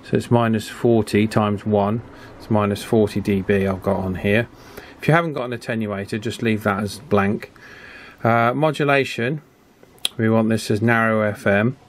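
A man with a voice on the low side, speaking at a moderate pace, gives a casual hands-on electronics tutorial on radio alignment. He thinks aloud informally while working at an indoor workbench, whose background noise comes through clearly.

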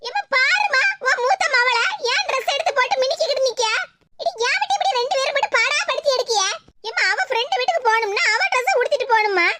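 Woman voicing a super high whiny cartoon girl, tirunelveli accent, talks fast. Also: animated, pushed and bright, dry recording, studio quality, heavily acted. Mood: whining complaint. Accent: Tirunelveli Tamil. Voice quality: complaining, whining. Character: whiny bickering teenage younger daughter. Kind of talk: animated cartoon voice acting.

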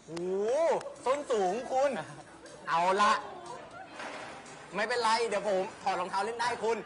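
A man's voice: sits high, unhurried, background noise. A man hosting a live stream in a playful, bantering way, full of exclamations. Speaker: live show host.

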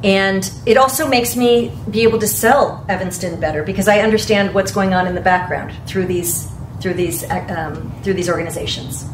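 Speaking at a moderate pace in a medium-pitched voice, this Ecuadorian real estate agent in her forties answers panel interview questions earnestly, using her hands to explain; Spanish is her native language. She stands before a big screen in a meeting room. The far-off camera microphone picks up an echoey space and a bit of faint noise.

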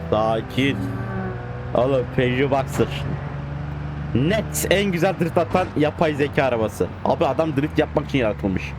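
A man giving casual, excitable commentary as he plays a driving game, scolding the computer drivers. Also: medium pitch, normal speed. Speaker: gaming channel host. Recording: loud game car noise behind.

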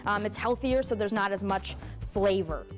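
A middle-aged woman chef instructor walking through a recipe in a relaxed, chatty way with plenty of fillers. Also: mid-range voice, normal speed, faint music behind. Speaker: cooking school chef instructor. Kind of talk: casual cooking demonstration. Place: studio kitchen.

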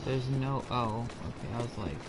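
A man's voice: medium pitch, animated, normal speed, very noisy. Swearing, fed-up male game streamer. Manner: frustrated, swearing, exclaiming. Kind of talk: live gameplay commentary. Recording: game music playing behind.

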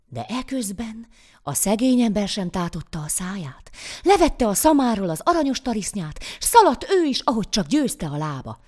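A woman narrating a folk fairy tale in an expressive, animated storytelling voice. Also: a little high.

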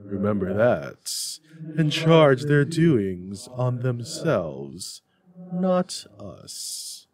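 Man acting a booming, indignant giant Christmas ghost. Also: very animated, noisy background. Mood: solemn reproach. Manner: loud, slow, emphatic declaiming. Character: giant hearty male Christmas spirit, solemn and indignant.

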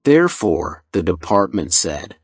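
A man reading a story slowly and deliberately for English learners. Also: low voice, big pitch swings, dry recording, studio quality. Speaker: narrator. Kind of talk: slow scripted story narration for English learners.

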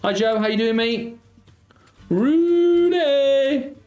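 In an echoey home streaming room with faint background music, a middle-aged Nottingham slots streamer chats casually, reading out and cheekily greeting viewer messages. His voice is very high and a little mellow, with lively intonation and a very slow pace.

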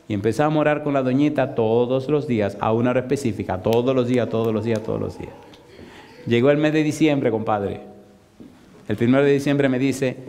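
A man preaching in a church hall, telling a story and jumping into higher voices for the people he quotes. His tone is dark and mellow. A long reverb trails behind his words. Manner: animated, acts out quoted voices with rising pitch. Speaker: pastor. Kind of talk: storytelling sermon.

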